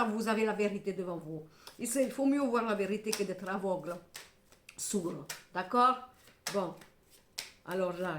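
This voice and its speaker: A woman's voice: medium pitch, slight background noise. Middle-aged woman doing a tarot reading, emphatic, repeats herself a lot, roomy echo. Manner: emphatic, scolding then consoling, repeats herself. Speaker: tarot card reader.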